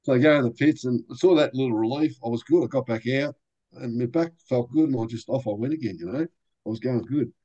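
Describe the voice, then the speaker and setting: An older man, a racing driver guest, telling lively anecdotes and acting out quoted voices in a casual interview. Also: mid-range voice, fast, dull audio.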